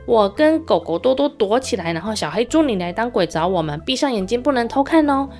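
A woman voicing a lively little male cat in a children's storybook tale, eager and childlike. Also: medium pitch, normal speed, faint music behind, close to an everyday voice.

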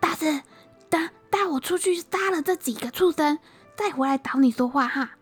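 A woman voicing a bold young male tiger-slaying hero who talks eagerly and loudly. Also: high voice, normal speed, faint music behind, voice pushed up, close to an everyday voice.

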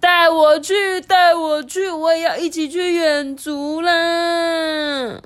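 A woman's voice: very high-pitched, fairly even intonation, slow pace, a bit bright, pitched above the performer's own voice, full character voice. Woman playing a whiny childish dad. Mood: whining. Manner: whiny, pleading, then blustering. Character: childish grown man, a father who sulks and begs.

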